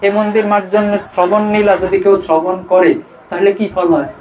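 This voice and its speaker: A man giving a devotional sermon. He keeps asking questions and answering them himself, rising for emphasis and trailing off low. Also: steady tone, brisk, darkish tone, roomy sound, rough recording. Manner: rises in pitch and volume for emphasis, trails off low. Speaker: preacher. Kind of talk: devotional sermon with chanted verses.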